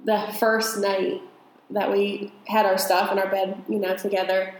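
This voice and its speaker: A woman's voice: mid-range voice, little pitch movement, unhurried, echoey room, poor audio. A woman from the United States, co-hosting a podcast in rambling casual chat, often laughing. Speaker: podcast co-host.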